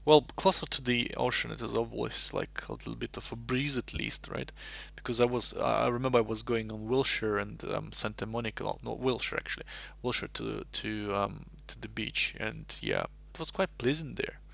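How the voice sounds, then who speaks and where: A Russian-born man talks in a heavily gravelly, fry-laden voice. He chats on a live stream in a loose, rambling way, thinking aloud over chess puzzles into a desk mic. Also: lowish voice, steady tone, normal speed, few pauses, fairly bright tone. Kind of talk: casual live-stream chat.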